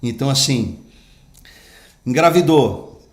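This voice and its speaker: A man who works as an actor and a pastor recounts his life with earnest emphasis while being interviewed on a podcast. He speaks slowly and expressively at a medium pitch. The sound is reverberant.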